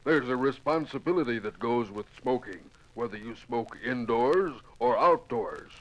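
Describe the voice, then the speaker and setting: A man playing a friendly bear forest ranger in a 1950s radio safety message, folksy, deliberate and emphatic. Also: mid-range voice, expressive, fairly bright tone, lightly acted, low-quality recording. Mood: friendly, earnest. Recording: 1950s radio transcription record.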